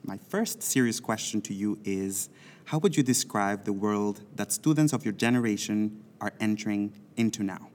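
A man's voice: fairly low pitch, normal speed, darkish tone, big-room sound. A man hosting an education podcast, reading scripted introductions and questions in a formal way. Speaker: podcast host.

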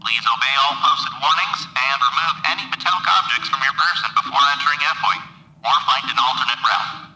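An actor playing a male facility announcer heard over a public address loudspeaker, speaking in measured, formal, repeated announcements. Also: mid-range voice. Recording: echoey loudspeaker over music.

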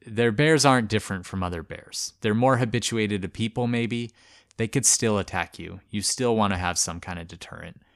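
A man's voice: lowish voice, moderate pace, dry recording, studio quality. A man co-hosting a podcast, chatting casually in a laid-back, rambling way and laughing easily. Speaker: podcast co-host. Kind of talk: casual chat.

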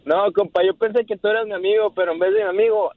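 A man's voice: high voice, steady tone, fast talker. A man with a Mexican accent arguing over the phone, defensive and insistent, with slangy talk. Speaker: caller on prank call. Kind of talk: phone argument. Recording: tinny phone line, studio chatter behind.

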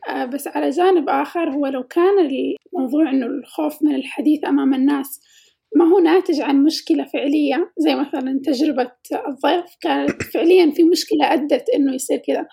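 A woman co-hosts a casual podcast with a high, childlike-sounding, mellow voice, speaking quickly with vocal fry. Her way of talking is thoughtful and reflective.

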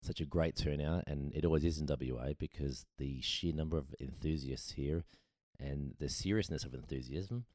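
A man's voice: very deep voice, moderate pace, few pauses, darkish tone, no echo, studio quality. An Australian man chatting enthusiastically as a podcast guest, telling casual anecdotes. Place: at a kitchen table indoors.

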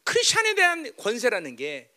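A pastor preaching a sermon, swinging from quiet, chatty asides to loud, tearful preaching, and often asking his listeners whether they agree. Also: very high voice, wildly swooping pitch, brisk. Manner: keeps asking the listeners "right?". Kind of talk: sermon with banter to the congregation.

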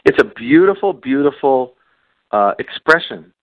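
A man's voice: medium pitch, very animated, a little slow, no room sound, lo-fi sound. A man co-hosting a podcast about coaching and parenting, talking earnestly and repeating key phrases for emphasis. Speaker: podcast co-host. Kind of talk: podcast conversation.

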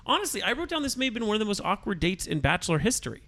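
A man with a somewhat high voice talks through a reality-show recap with a co-host. His delivery is loose and jokey, full of laughs, fillers and tangents. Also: big pitch swings, racing, bright, forceful tone. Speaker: podcast co-host. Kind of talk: casual recap chat.

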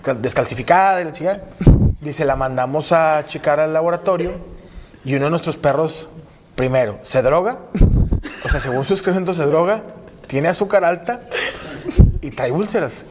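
A man's voice: on the high side, moderate pace, long pauses, slight background noise. A man with a Mexican accent, co-hosting a casual comedic chat and telling rambling stories. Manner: rambling, animated storytelling. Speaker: podcast co-host.

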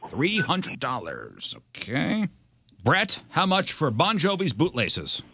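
Bright, animated male game-show host. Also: fairly high pitch, a little hiss or hum. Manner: announcer-like, repeats bids with drawn-out suspense. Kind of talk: game show hosting on a radio talk show.

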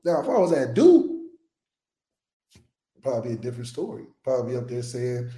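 A man co-hosting a sports talk show, talking in a loose, jokey, animated way and slipping into quoted voices. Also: medium pitch, normal speed. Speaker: co-host, sports analyst. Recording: roomy echo.

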